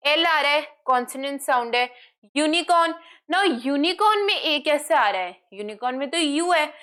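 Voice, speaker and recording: A woman with an Indian accent teaching an online class in a high voice. She explains at an unhurried pace and keeps asking and answering her own questions. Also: a bit bright. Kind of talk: online lesson, mixing Hindi and English.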